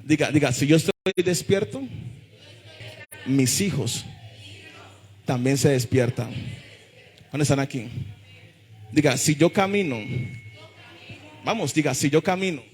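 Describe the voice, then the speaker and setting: A male pastor preaching a fervent sermon to a church congregation. He calls out to the people and rises into shouted refrains. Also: a little high, expressive, a little slow, long pauses. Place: church service before a congregation.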